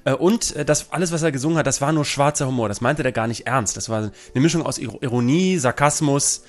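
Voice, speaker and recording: A man's voice: medium pitch, fast talker. A man co-hosting a radio show in casual, ironic chat, rambling with many fillers. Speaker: radio host. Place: radio studio.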